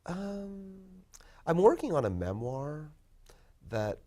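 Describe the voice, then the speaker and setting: A man in his fifties, a poet and professor, talking in a casual interview, thoughtful and modest, pausing often with ums and restarts. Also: a little high, sing-song, dark tone. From born in Korea, raised in California. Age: 50s. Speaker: poet and college professor, guest.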